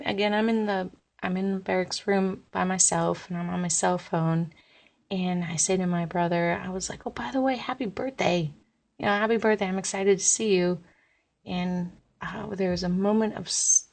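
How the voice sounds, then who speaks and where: A young woman casually telling her own ghost story, rambling and animated, with plenty of fillers. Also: lowish voice, creaky. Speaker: listener sharing a ghost story.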